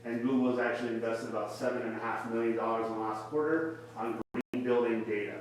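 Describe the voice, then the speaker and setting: A man from Florida giving a quick, persuasive startup pitch at a meetup. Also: steady tone, slight background noise. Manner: fast, salesy, persuasive. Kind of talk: live pitch presentation. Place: event space at a tech meetup. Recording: echoey room, mic far off.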